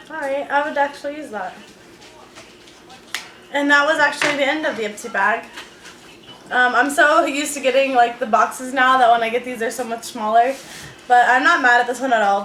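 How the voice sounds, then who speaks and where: A woman's voice: fairly high pitch, pushed and bright. A young woman vlogging at home, chatting casually about beauty products with lots of fillers. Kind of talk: casual unboxing chat. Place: room at home. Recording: echoey room, faint noise.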